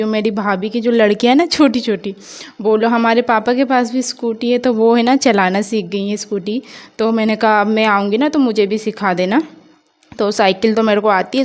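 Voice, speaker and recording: A woman's voice: fairly high pitch, darkish tone. Young indian woman rambling on about her day, casual vlog voiceover, lots of fillers. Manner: rambling, chatty, heavy use of fillers. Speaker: vlogger. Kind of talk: casual voice-over vlog narration.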